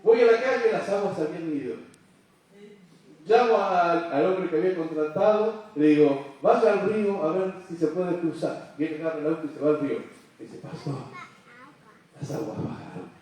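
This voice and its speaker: A man preaching a sermon as a pastor, telling a story in an animated way and acting out the dialogue. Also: on the high side, moderate pace. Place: church hall. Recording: echoey hall, distant mic.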